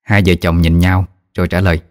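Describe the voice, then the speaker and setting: Deep-voiced man telling ghost stories. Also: brisk, no echo, clean studio sound. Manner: steady, vivid storytelling. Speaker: storyteller. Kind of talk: ghost story narration. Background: faint music.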